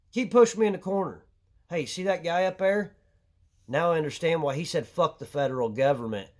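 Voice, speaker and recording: A man venting his anger in a crude, heavily profane monologue to camera. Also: fairly high pitch. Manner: angry, crude and swearing heavily. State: short of breath at times. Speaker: vlogger.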